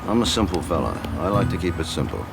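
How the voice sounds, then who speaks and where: A man's voice: sits low, sing-song, fast, vocal fry. A man in his seventies from New Zealand, a singer-songwriter chatting casually and telling easygoing, self-deprecating stories about his music. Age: 70s. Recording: echoey, with music behind.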